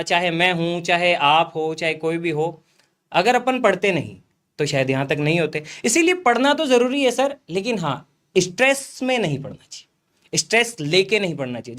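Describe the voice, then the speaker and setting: A man's voice: high-pitched, fairly bright tone. A young man telling students about failing and studying again, earnest and direct, often calling his listener sir. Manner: earnest, addresses viewers as guys and host as sir. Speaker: guest influencer. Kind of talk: motivational chat.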